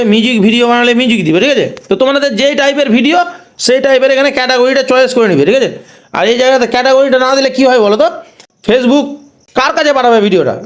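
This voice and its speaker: A man's voice: extremely high pitch, a bit bright. A man walking viewers through a phone app tutorial step by step, repeating each instruction and checking in with tag questions. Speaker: tutorial host. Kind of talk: screen-recording tutorial.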